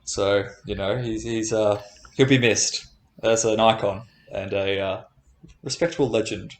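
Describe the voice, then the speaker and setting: A man's voice: on the low side, fairly even intonation, a little slow. A man chatting casually on a podcast as a new member, with a playful, joking manner. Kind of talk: casual chat. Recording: roomy, echoing sound.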